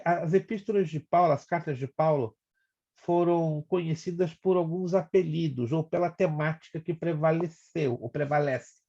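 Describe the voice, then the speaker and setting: A man's voice: on the high side, normal speed, vocal fry, mellow, lo-fi sound. A man with a Brazilian Portuguese accent, a pastor teaching an online Bible class in a chatty, teasing way and explaining step by step over a video call.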